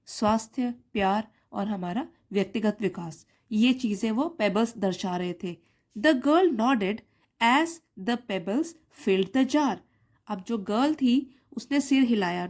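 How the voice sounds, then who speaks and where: A woman's voice: fairly high pitch, a little mellow. A woman with an Indian accent reading an English story aloud and explaining it line by line as a teacher. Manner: reads English lines slowly, then explains them word by word.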